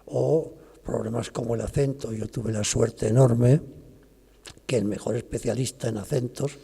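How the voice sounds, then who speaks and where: An older man from lectures to an audience, explaining patiently and breaking off to restart his phrases. His voice is gravelly and husky with a mellow, dark tone. The sound carries the long reverb of a lecture hall. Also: mid-range voice, steady tone, unhurried. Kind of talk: academic lecture.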